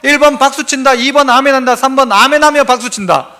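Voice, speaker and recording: A man's voice: extremely high pitch, fast, pushed and bright. A male pastor preaching a sermon, asking the congregation questions and answering them himself.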